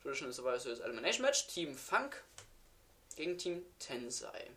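Man, podcast co-host, casual review chat, quiet voice, speeds up instead of getting louder. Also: medium pitch, big pitch swings, a little fast. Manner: soft-spoken, talks quietly.

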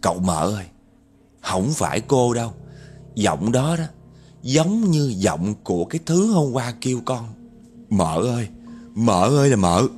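A man's voice: medium pitch, sing-song, measured pace, long pauses, darkish tone, faint music behind. A man voicing a terrified young man who stammers in fear in a spoken horror story. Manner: stammering, on the edge of tears.

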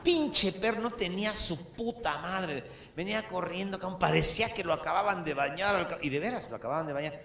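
A man with a Mexican Spanish accent telling crude, profane jokes in a raunchy stand-up style. His voice sits high and gravelly. The recording is roomy and echoey, with loud noise behind it. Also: brisk, hardly any pauses.

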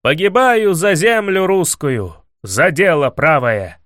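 A man doing a loud brash young fool of a hero. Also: high-pitched, animated, moderate pace, no room sound, studio quality, voice pushed up. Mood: indignant. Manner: loud declaiming, pompous outbursts. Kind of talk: audiobook character voice.

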